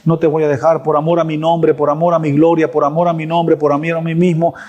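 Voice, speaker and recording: A man's voice: fairly high pitch, flat delivery, fast, a little mellow, dull audio, lightly acted. A man voicing God as a steadfast, faithful figure who will not abandon his people, repeating each promise insistently. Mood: devoted, insistent.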